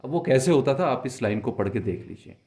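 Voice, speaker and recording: A man's voice: medium pitch, sing-song, fairly quick, vocal fry, darkish tone. A young man teaching a literature lesson, explaining patiently and repeating questions and examples for his students. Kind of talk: explaining literature lesson in Hindi mixed with English.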